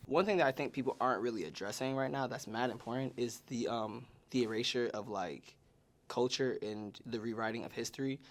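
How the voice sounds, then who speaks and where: A man's voice: mid-range voice, fairly quick. A man, answering interview questions in a loose, rambling way, full of "like" and "you know". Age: 20s. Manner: loose and rambling, heavy use of "like". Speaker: featured artist. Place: studio or room.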